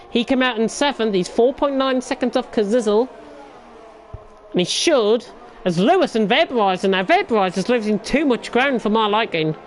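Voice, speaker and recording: A woman works as a motorsport commentator, calling a race live as it unfolds. Her voice sits high. There is clear noise behind her throughout.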